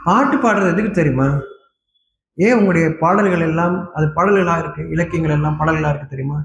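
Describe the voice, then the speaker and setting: Scolding high-voiced male preacher, echoey room. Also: a little fast, highs cut off, slight background noise. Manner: rhetorical questioning, scolding. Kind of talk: sermon.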